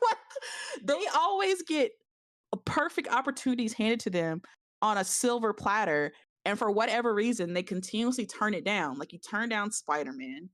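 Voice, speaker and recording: A woman hosting a casual gaming podcast, ranting in an animated, exasperated way with stammered, repeated phrases. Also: medium pitch, a little fast, no room sound, clean studio sound. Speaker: podcast host.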